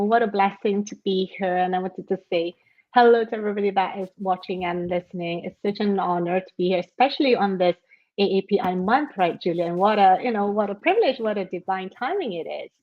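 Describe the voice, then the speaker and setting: A woman's voice: medium pitch, fairly quick, highs cut off. A woman from Malaysia, a guest author telling a personal story in a conversational interview, with many fillers.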